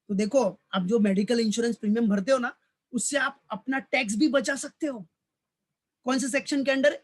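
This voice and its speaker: A man teaching a recorded lecture who calls his students "beta", repeats each point, and keeps asking questions that he answers himself. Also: very high-pitched. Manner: fatherly, addresses students as "beta". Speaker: college commerce lecturer. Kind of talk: recorded tax lecture in mixed Hindi and English.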